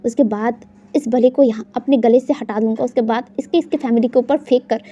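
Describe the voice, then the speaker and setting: A stern, reserved young nobleman with curt, clipped orders, as a woman narrator plays him. Her voice stays fairly high and mellow, heard through a slightly muffled lo-fi recording. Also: brisk, close to an everyday voice. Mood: hushed. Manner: curt, firm orders, hushed when soothing.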